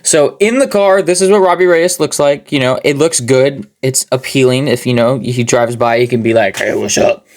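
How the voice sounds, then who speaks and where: Chatty man with a slightly gravelly voice. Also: mid-range voice, moderate pace, few pauses, a little mellow. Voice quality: a little gravelly. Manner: rambling, chatty, swears casually. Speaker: hobby toy-building channel host. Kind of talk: casual build walkthrough. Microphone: plugged-in microphone.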